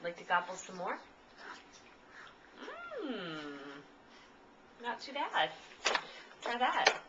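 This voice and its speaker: A woman's voice: lowish voice, sing-song, slow. A woman feeding a baby at home, talking to the child in a sing-song, cooing voice in a casual home video recorded on a handheld camcorder. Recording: dull lo-fi camcorder audio with loud background noise.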